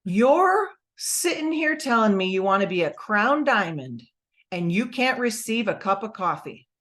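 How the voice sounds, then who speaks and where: A woman giving an energetic, emphatic motivational talk on a group call, asking her listeners questions. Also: medium pitch, unhurried. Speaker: motivational speaker.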